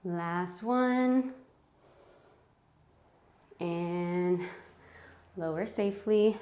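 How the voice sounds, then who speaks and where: A woman's voice: on the low side, drawn-out words, mellow, echoey room. A woman leading a home workout, counting reps and giving encouraging cues while out of breath. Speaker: fitness instructor. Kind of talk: guided home workout instruction. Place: home room.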